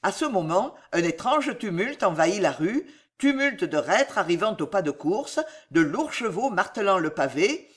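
A reader giving a dramatic narration of a historical adventure novel. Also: mid-range voice. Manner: slow, lively dramatic reading. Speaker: audiobook reader.

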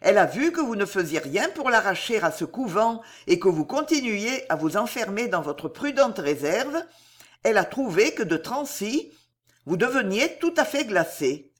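A woman's voice: mid-range voice, very animated, moderate pace. A woman voicing a mocking aristocratic countess. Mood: ironic. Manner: mocking, smiling, poised. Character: ironic, self-assured aristocratic countess, middle-aged mother. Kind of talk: audiobook character reading.

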